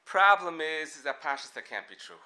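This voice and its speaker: A man teaching a casual Talmud class, thinking aloud with animated restarts and frequent rhetorical questions. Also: on the high side, brisk.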